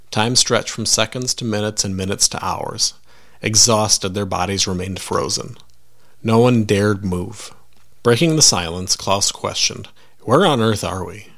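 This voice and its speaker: A man narrating a scripted horror story in a measured, dramatic way and hosting the podcast. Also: fairly low pitch, vocal fry, fairly bright tone.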